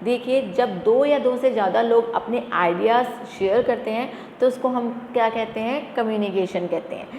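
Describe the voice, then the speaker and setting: A woman's voice: fairly high pitch, darkish tone. Woman teacher, echoey room. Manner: asks questions then answers them herself; reads English definitions slowly and deliberately. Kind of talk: explanatory lecture to students. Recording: echoey room with faint background noise.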